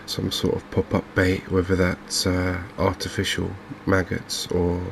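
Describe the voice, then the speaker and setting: Soft ASMR game commentary comes from a gaming video host, a man from England with a deep voice. Gravelly around the edges and extremely level, he takes his time, hesitating a little as he gently muses. Faint noise from fans and open windows sits in the background.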